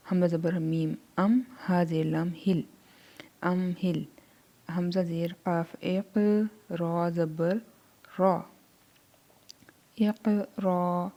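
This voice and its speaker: A woman teaching Quran reading, spelling out syllables slowly one by one, then explaining quickly. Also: fairly low pitch, little pitch movement, warm tone, muffled recording. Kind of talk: spelling out syllables in a slow lesson.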